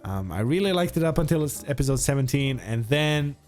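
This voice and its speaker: A man's voice: medium pitch, expressive, a little fast, darkish tone. A man in his twenties with a Croatian accent, chatting casually and with opinions as he answers viewers on a livestream. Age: 20s. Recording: music behind the voice. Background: music.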